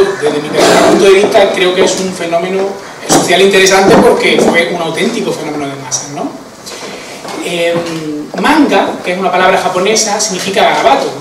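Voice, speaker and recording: This conference speaker from Andalusia, Spain, talks in a high voice with a distinct Andalusian accent, keeping things informal with lots of fillers and tag questions. A little hiss or hum sits under the recording, which is echoey, with him sounding distant in the hall.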